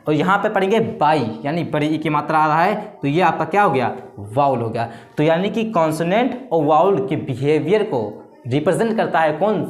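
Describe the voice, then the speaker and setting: A man teaching a grammar lesson who keeps posing rhetorical questions and answering them himself. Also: high-pitched. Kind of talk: explanatory classroom-style lesson. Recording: roomy echo.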